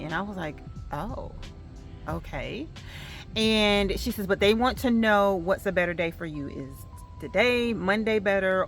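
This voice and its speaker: A middle-aged woman vlogging to camera, telling a story in a chatty, animated way with plenty of fillers. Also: mid-range voice.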